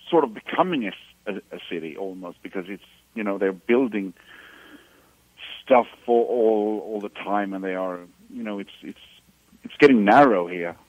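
A man from Sweden in his fifties, a musician being interviewed on the radio, talking hesitantly and restarting phrases as he warms up about records. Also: fairly low pitch, no echo, narrow, tinny audio. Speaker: musician guest. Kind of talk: radio interview over the phone.

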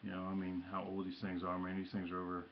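Low flat-voiced guy with hiccups showing his hat pickups in his room, lots of ums, muffled webcam sound. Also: a little hiss or hum. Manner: halting, many ums and uhs, slangy shout-outs. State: has hiccups. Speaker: hat and jersey collector vlogger. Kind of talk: casual show-and-tell vlog.

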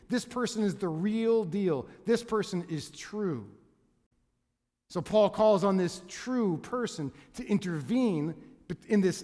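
A man's voice: high voice, a little mellow. A man pastor preaching a sermon in earnest, with frequent restarts and repeated words. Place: church sanctuary. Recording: long reverb of a church hall.

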